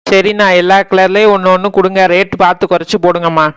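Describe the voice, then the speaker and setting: A cheeky young wife, voiced by a man with a Tirunelveli Tamil accent, who teases and answers back politely. The voice is pitched very high and sounds smooth and clean, recorded dry and close for a cartoon. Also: level tone, fast talker, a bit bright, no echo. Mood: playful. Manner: teasing, talks back politely. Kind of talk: cartoon voice acting.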